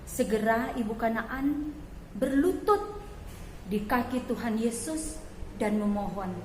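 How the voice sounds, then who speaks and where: Slow, high-voiced woman storyteller. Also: slight background noise. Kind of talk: children's Bible story narration. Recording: echoey hall, faint ambience.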